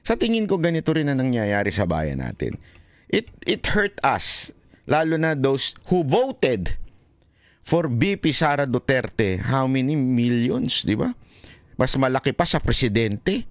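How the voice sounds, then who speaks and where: A man with a Filipino accent giving casual political commentary, animated and laughing often. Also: mid-range voice, a little slow, no room sound. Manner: animated, laughing often, switching between Tagalog and English.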